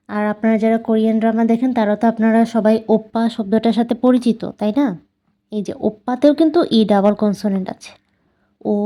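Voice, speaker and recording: A woman's voice: fairly high pitch, mellow. A woman teaching a language lesson, patiently repeating each sound several times as she explains.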